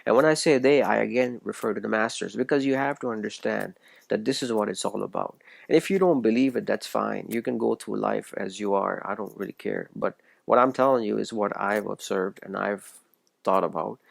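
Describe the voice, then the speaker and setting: A man delivers an earnest religious commentary straight to camera. His low voice has a gravelly fry, and the sound is dry and close. He tends to stumble and restart phrases as he presses his points. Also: fairly quick, no room sound. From Pakistan. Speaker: video essayist. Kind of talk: solo religious commentary monologue.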